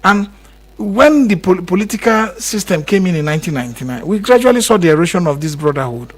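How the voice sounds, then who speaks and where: A man's voice: high voice, expressive, fast. A Nigerian man speaking as a radio guest, impassioned and repetitive, pushing harder as he stresses his points. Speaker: guest commentator. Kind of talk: radio interview.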